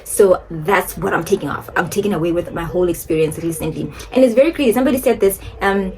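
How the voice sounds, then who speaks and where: A woman's voice: fairly low pitch, fast, darkish tone. Chatty young woman vlogging while doing makeup. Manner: chatty and rambling, laughing often. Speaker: beauty and lifestyle vlogger. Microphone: phone.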